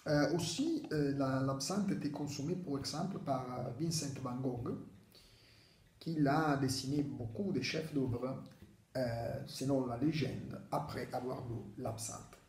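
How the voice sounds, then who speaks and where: A man who is not a native French speaker, explaining to camera in halting, imperfect French with a foreign accent. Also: mid-range voice, darkish tone. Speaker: video presenter. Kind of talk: unscripted explanatory talk to camera. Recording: echoey, reverberant room sound.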